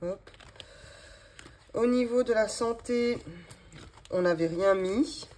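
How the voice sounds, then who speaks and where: Warm and on the high side, this budgeting vlogger's voice moves slowly as she chats about her monthly cash envelopes, rambling with lots of fillers. She's in her thirties with a regional French accent, and a little hiss or hum is audible.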